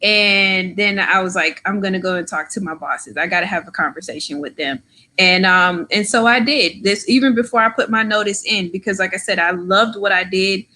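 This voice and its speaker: A woman's voice: medium pitch, moderate pace, pushed and bright. A woman in her thirties from Florida, a podcast guest telling her story in a chatty, casual way, often tagging lines with "right?" and "like". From Florida, USA. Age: 30s. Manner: chatty, lots of "like" and "right?" tags.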